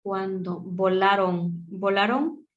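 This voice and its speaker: A woman teaching a class, repeating words aloud slowly as she points them out. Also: medium pitch, steady tone. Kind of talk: classroom lesson. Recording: dull lo-fi sound.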